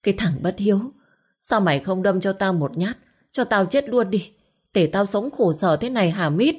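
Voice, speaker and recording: A woman's voice: fairly low pitch, normal speed, lightly acted. Woman playing a wailing, cursing sick old man. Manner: moaning, then shouting curses.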